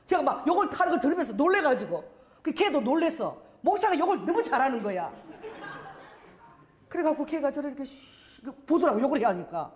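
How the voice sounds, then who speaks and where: A woman's voice: sits high, sing-song, fairly quick. A middle-aged woman pastor preaching a sermon, telling a story and acting out the voices in it.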